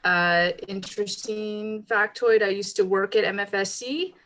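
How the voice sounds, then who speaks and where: A woman greets everyone warmly on a video call and laughs lightly as she talks. Her voice sits in an ordinary middle range. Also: medium pitch, measured pace. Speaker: participant, former staff. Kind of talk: casual video-call introduction.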